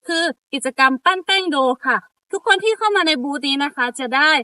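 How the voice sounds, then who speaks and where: A woman's voice: sits high, expressive, a little fast, pushed and bright, no echo. A young woman hosting an event, announcing booth activities politely with small fillers as she reads. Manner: polite, with fillers while reading booth details.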